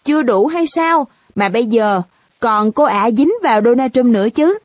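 A jealous teenage girl shrieks a sneering rant in a shrill, high voice, voiced by a woman. The storybook reading is close and dry. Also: lively intonation, normal speed, darkish tone, dry recording.

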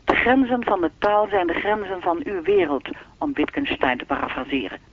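Through a thin, dry telephone filter, a man performs radio drama dialogue as an enigmatic keeper of time who knows all. His voice is on the high side, very animated and moderately paced, and his manner is formal, unruffled, lecturing and slightly teasing.

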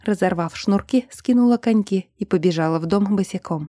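A woman narrating a fantasy audiobook in a steady, even storytelling manner. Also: mid-range voice, brisk, dry recording, studio quality.

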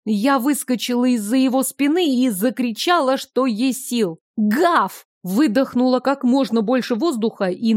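A woman reading a first-person fantasy audiobook in an expressive, measured storytelling manner. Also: fairly high pitch, no room sound, studio quality. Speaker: audiobook narrator.

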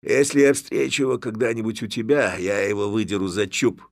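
A man voicing a stern, tall middle-aged village head who speaks hoarsely in a half-voice and blusters threats. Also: fairly low pitch, fairly even intonation, brisk, no room sound, studio quality. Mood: threatening.

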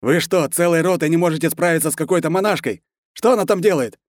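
A man reading a story aloud and voicing a panicked army colonel who yells orders over a radio. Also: on the high side, quick pace, dry recording, clean studio sound, voice pushed up, natural voice. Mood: shouting. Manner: yelling, furious and near hysteria.

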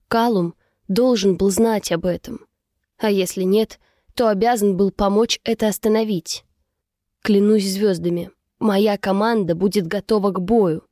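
A woman's voice: mid-range voice, warm tone, dry recording. Woman narrating a story, dry close sound. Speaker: audiobook narrator. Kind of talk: first-person scripted narration.

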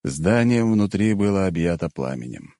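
A man narrating a first-person audiobook in a steady, even reading. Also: low voice, moderate pace, no echo, clean studio sound.

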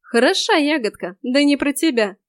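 A woman's voice: high-pitched, lively intonation, normal speed, no echo, clean studio sound, voice pushed up. A woman doing a haughty, capricious young maiden.

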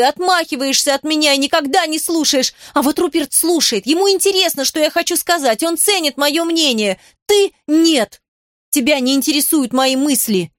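A woman voicing an impulsive young girl in love, who talks loudly and shrilly. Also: dry recording, studio quality. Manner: loud, shrill and indignant.

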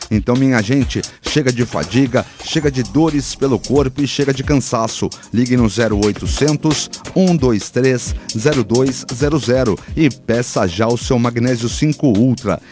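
A man's voice: mid-range voice, a little mellow. A Brazilian man reading a radio advertisement in an upbeat, enthusiastic promotional style. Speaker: radio announcer. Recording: music behind the ad read. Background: music.

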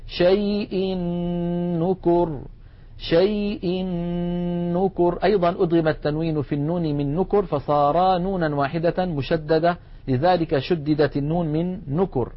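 A man with a fairly high voice gives a tajweed lesson, talking straight to his students. He recites each example slowly and drawn out between his explanations, and the recording sounds dull and lo-fi. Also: steady tone. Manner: addresses students directly, instructive. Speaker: Quran recitation teacher.

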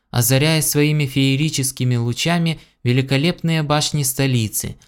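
A man reading a science fiction audiobook in a steady, even storytelling manner. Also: mid-range voice, smooth. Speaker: audiobook reader. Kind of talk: scripted narration.

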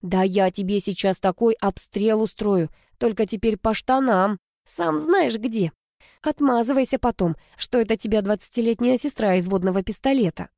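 A woman voicing a lively, mischievous twenty-year-old female student who chatters quickly and teases her brother. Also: medium pitch, dry recording, studio quality, natural voice. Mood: teasing.

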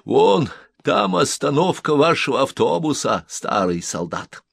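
A man voicing a small gentle alien who whispers kindly, in a storybook reading. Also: fairly high pitch, very animated, measured pace, vocal fry, breathy edge, no room sound, pitched above the performer's own voice, full character voice. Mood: hushed kind.

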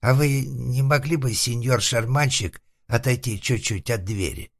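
A man voicing a timid, easily frightened hermit who whines and wails in a shrill, trembling voice, in an audiobook. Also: a little slow. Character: frightened, whimpering male hermit behind a door.

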